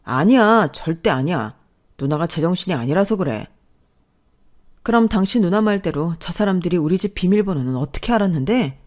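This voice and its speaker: Female reader doing a low, pleading husband caught out, stammering, radio drama. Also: lively intonation, a little fast, a little mellow, close to an everyday voice. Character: cowering male lawyer husband, evasive and pleading.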